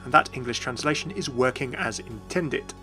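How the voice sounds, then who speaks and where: A male video presenter with a mid-range voice delivers explanatory fan commentary, speaking directly to viewers at normal speed. His tone is bright and forceful. It's a voice-over with a light music bed playing faintly behind.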